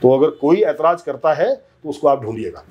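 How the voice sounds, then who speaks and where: A man's voice: on the high side, animated, moderate pace, a little mellow, husky, highs cut off. A man as a guest in a heated political interview, talking emphatically, arguing his points and often cutting in over the interviewer. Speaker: interview guest, community leader.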